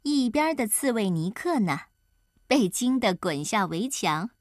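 A woman narrating a children's story in an expressive, animated way. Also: on the high side, measured pace, no room sound, clean studio sound.

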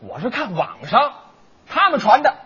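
Very high-voiced husky man teasing. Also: huge pitch swings, normal speed, bright, forceful tone. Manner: teasing, mock-concerned jabs as the joke-teller. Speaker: crosstalk performer. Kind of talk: comic crosstalk dialogue. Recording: dull lo-fi recording.

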